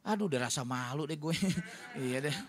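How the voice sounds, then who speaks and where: A man's voice: mid-range voice, expressive, normal speed. A man preaching a humorous sermon as a pastor, telling stories and acting out what others said. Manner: storytelling, jokey, acts out quotes. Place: church hall.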